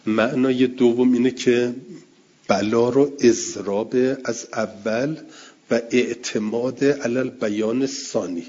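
A man's voice: mid-range voice, dark tone, a little hiss or hum. A man teaching a lesson on Quranic exegesis, reading Arabic text aloud and explaining it in casual colloquial speech. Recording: dull lo-fi recording.

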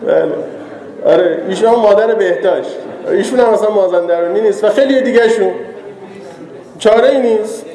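A man's voice: high-pitched, warm tone. A man giving a chatty, joking religious talk to a live audience that builds to emphatic moralizing. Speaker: religious lecturer. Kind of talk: conversational sermon to a live audience. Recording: echoey hall with long reverb.

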